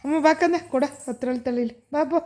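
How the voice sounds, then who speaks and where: A woman's voice: sits high, fast. A young woman, a mother in a casual family vlog, coaxing and soothing her baby at home at night in a sing-song voice, recorded on a phone. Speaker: vlogger mother. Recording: home video with loud background noise.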